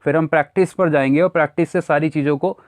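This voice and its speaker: A man's voice: a little high, fairly even intonation, fast, no echo. A male teacher with an Indian accent explaining grammar step by step in a classroom lecture, asking the class rhetorical questions. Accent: Indian English words in Hindi speech. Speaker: English teacher.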